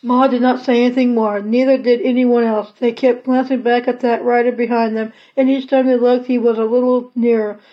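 A woman reading a children's novel aloud chapter by chapter, in an unhurried, plain storybook way. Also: on the high side, level tone. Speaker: audiobook reader. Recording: slightly dull lo-fi recording.

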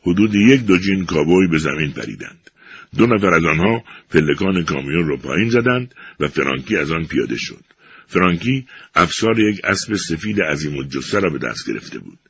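An older man narrating an audiobook in an expressive storytelling manner. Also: low voice, vocal fry, a little hiss or hum.

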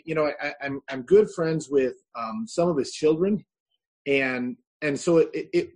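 A man with a Chicago accent, a pastor speaking as a podcast guest, halting and repeating words as he thinks. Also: mid-range voice, darkish tone, slightly rough. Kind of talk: casual interview talk.

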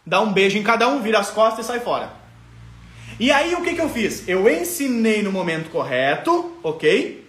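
Brazilian guy, super high voice, teaching parenting live, keeps asking "ok? tá?", roomy echo. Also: moderate pace. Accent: Brazilian Portuguese. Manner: animated, acts out parents' and children's voices; explains step by step, often checks in with "ok? tá?". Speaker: parenting educator. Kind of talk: live parenting lesson, answering viewer questions.

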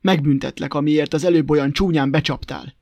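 A man voicing a gruff, vengeful wolf who growls his threats in a blustering way in a storybook tale. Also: a little high, fairly even intonation, a little mellow, no room sound.

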